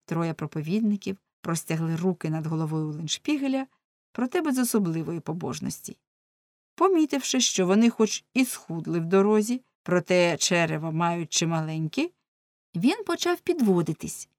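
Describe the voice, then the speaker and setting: A woman narrating an audiobook in a lively, expressive way. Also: on the low side, moderate pace, dry recording, studio quality.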